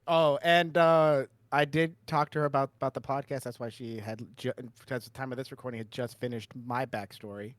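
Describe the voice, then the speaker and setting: A man's voice: medium pitch, steady tone, brisk, few pauses, dry recording. A man co-hosting a podcast in casual chat, rambling and restarting his sentences with frequent chuckles. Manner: rambling, self-interrupting, chuckles often. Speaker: podcast co-host.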